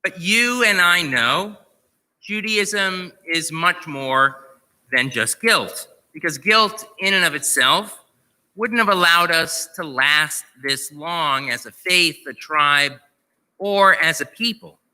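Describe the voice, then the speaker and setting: Slow, bright-voiced man preaching in a reverberant hall. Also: fairly high pitch, expressive. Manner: measured storytelling, conversational. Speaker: rabbi. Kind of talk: sermon. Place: large sanctuary. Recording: reverberant sanctuary on live stream.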